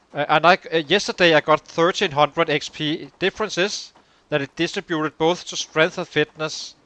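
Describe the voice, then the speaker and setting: A man's voice: fairly high pitch, pushed and bright, no echo. A man hosting a let's play, thinking aloud as he works through the numbers behind his progress. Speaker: gaming channel host.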